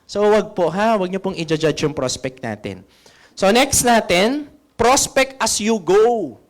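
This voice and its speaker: High-pitched man coaching a seminar. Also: animated, a little slow. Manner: coaching, keeps asking the audience questions. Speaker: sales trainer. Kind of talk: seminar talk.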